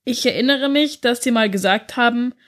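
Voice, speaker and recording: A woman's voice: fairly high pitch, moderate pace, natural voice. A woman voicing a tearful, earnest teenage schoolgirl who speaks in a pleading way.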